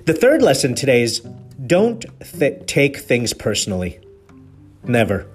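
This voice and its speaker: A man's voice: medium pitch, huge pitch swings, unhurried, soft background music. A man from Kenya hosting a podcast, giving an earnest, preachy motivational talk on leadership that is full of rhetorical questions. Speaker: podcast host.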